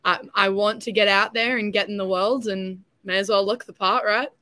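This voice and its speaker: A woman's voice: medium pitch, steady tone, moderate pace, bright, forceful tone, dry recording. A young woman chatting casually as an interview guest, talkative and self-deprecating. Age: young adult. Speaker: interview guest, beauty pageant contestant.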